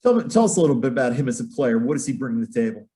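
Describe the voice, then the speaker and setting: A man conducts a sports interview in a voice of average pitch. He sets up each question conversationally, as an interviewer speaking to a guest. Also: sing-song, rapid-fire, dark tone.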